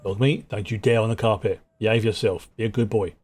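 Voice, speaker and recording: A man's voice: fairly low pitch, fairly even intonation, a little fast, a little mellow, husky. A man giving casual, chatty game commentary, thinking aloud as he plays. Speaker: gamer, host of a playthrough.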